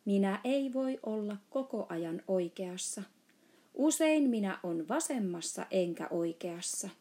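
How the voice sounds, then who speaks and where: A woman's voice: medium pitch, expressive, dark tone, close to an everyday voice. A woman voicing a big friendly male giant in a storybook reading, playfully mangling his words.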